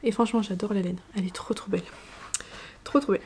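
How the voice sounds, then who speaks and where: Chatty woman, mellow voice. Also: medium pitch, steady tone, quick pace, husky. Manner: chatty, many fillers and restarts; hushed, half-whispered talk. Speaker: knitting vlogger. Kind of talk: casual chat.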